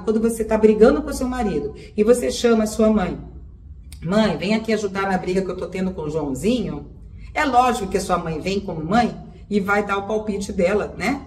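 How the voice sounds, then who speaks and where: A woman's voice: mid-range voice, a little mellow. A woman therapist giving spiritual advice in a conversational way, repeating phrases and often speaking straight to her listeners. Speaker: holistic therapist. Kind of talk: spiritual advice talk to viewers. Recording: roomy echo, voice a bit far from the mic, faint background noise.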